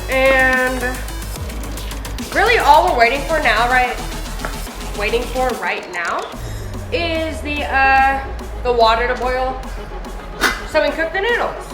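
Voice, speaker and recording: A woman's voice: high-pitched, animated, slow pace, pauses often. A woman hosting a home cooking video in a casual, chatty way, informal and rambling, recorded indoors in a kitchen. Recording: echoey room with background music.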